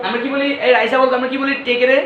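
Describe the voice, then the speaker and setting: A man leads a classroom pronunciation lesson at a brisk pace. He drills his pupils by calling out each word and repeating it back to them. The echoey room and dull, lo-fi sound give it a homemade feel. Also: very high-pitched, level tone, background noise. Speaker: English pronunciation teacher.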